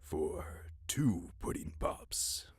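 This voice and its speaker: Speaking very slowly in a dry, studio-quality recording, a man voices a pompous ten-year-old boy genius who dreams of becoming an evil scientist. In this audio drama he delivers elaborate words theatrically, with a disdainful air.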